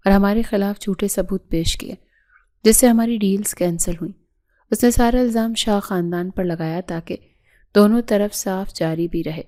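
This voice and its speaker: A woman's voice: mid-range voice, warm tone, lightly acted. A woman voicing a respectful male assistant in an audio story, explaining urgently.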